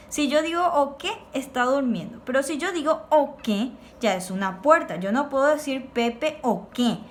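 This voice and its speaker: Woman, teacher, slightly high voice, slow careful repetition, faint hiss. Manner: slow, clear, repeating words for pupils to copy. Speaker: Guaraní teacher. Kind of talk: recorded lesson for pupils.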